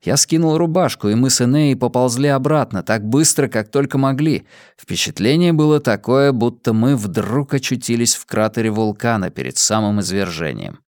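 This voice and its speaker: A man narrates an audiobook in a steady, measured reading voice. His pitch sits in the middle range. The recording is dry and close, with no room echo.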